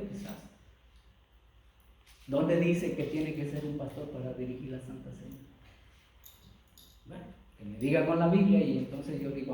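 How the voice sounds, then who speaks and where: A man's voice: a little high, mellow. A man preaching a sermon as a lay preacher, impassioned, calling listeners brothers and often stumbling over repeated words. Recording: very echoey room, mic far off.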